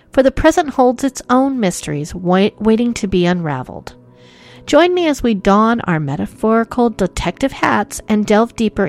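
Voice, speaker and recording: A woman narrates scripted ghost stories as a theatrical horror host. Her voice sits at an average pitch for a woman. She plays up the spookiness with playful drama, and music runs softly behind her. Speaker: host of a ghost-story podcast.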